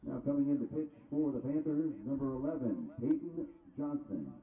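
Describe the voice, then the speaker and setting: A man working as a stadium announcer, formally calling batters and pitching changes in measured phrases over a PA loudspeaker. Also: animated, distant mic. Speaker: stadium public address announcer. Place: outdoor softball field, heard over loudspeakers. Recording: muffled, very echoey ballpark loudspeaker.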